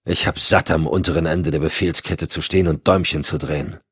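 A man's voice: rumbling low, steady tone, brisk, slightly rough, no echo, studio quality. A man voicing a hot-tempered, tough male agent who talks bluntly and threateningly. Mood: irritated.

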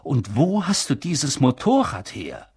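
A wise, elderly wizard who speaks in a measured, gentle and unhurried way, as a narrator puts him on. The voice is gravelly and husky, and it is recorded dry and close. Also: male voice, mid-range voice, wildly swooping pitch, no room sound, voice pushed up, full character voice. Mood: calm. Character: wise calm elderly male wizard headmaster. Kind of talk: audiobook character voice.

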